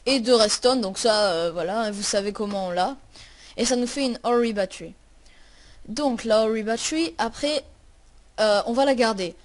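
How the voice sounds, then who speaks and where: A woman's voice: fairly high pitch, moderate pace. A woman hosting a casual game tutorial, chatty and full of hesitations. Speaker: tutorial host.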